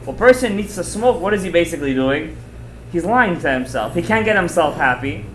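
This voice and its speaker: Guy rabbi giving a lively torah lecture, keeps repeating and asking questions, hebrew words mixed in, some room noise. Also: a little high, a little fast, reverberant, rough recording. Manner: rhetorical questions, emphatic repetition, Hebrew terms mixed in. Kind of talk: animated religious lecture to students.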